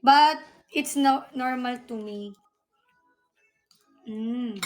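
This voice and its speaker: Giggly high-voiced Filipino woman, slow. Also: faint music behind. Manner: giggly, mixes Tagalog into halting English. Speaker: livestream host. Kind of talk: casual live-stream chat.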